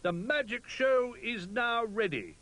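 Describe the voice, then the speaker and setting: A man's voice: very high voice, lively intonation, slow, a bit bright, voice pushed up, exaggerated voice, rough recording. A man voicing a theatrical male rabbit toy performing magic tricks in a storybook. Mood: showy. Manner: theatrical announcing.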